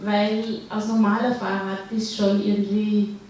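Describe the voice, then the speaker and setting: An audience member with a Dutch accent, from the Netherlands, hesitantly searches for words as she addresses a public panel in a large hall. She has a medium-pitched, darkish voice with a level tone and a slightly slow pace. Captured by a distant mic, the sound is echoey with slight background noise.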